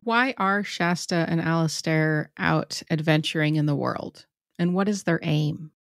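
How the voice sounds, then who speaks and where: A woman hosting a casual interview, asking gentle, curious questions. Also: deep voice, a little slow, no room sound, studio quality. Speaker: podcast host.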